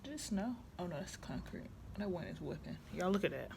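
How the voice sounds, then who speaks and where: A woman's voice: fairly low pitch, sing-song, brisk. A woman chatting casually and informally in a rambling vlog. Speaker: vlogger; truck driver. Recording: clearly noisy handheld vlog audio.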